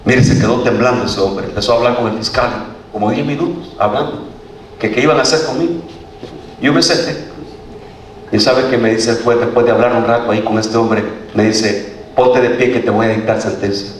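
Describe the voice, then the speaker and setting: Echoey preacher telling a testimony. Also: male voice, mid-range voice, steady tone, brisk, slight background noise. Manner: storytelling, acts out voices, laughs often. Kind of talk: sermon testimony. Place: church hall. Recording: echoey hall, voice from far off.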